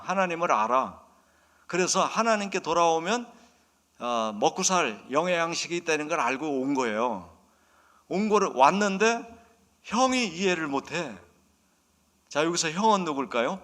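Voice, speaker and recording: A pastor preaching a storytelling sermon, dropping to soft asides and rising to loud emphasis. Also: male voice, on the high side. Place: church sanctuary. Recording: long reverb of a church hall.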